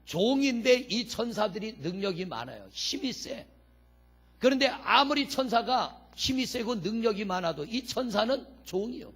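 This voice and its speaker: Male pastor, church sermon, high voice, breathy husky tone. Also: big pitch swings, normal speed, fairly bright tone. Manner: asks the congregation questions and answers them; reads scripture verses aloud. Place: church sanctuary.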